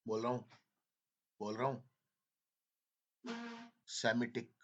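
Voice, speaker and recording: A man's voice: medium pitch, little pitch movement, slow. A man teaching an English spelling dictation to a class. He spells words out letter by letter and teases the students a little. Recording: dull lo-fi classroom recording.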